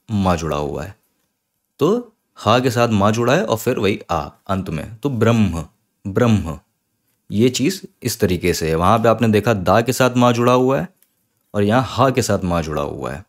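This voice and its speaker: A man teaching an online Sanskrit lesson, patiently spelling words out slowly, sound by sound. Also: lowish voice.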